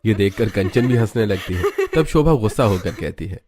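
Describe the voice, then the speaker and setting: A man narrating a family drama story in an even, storytelling way. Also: on the low side, fairly quick, slight background noise.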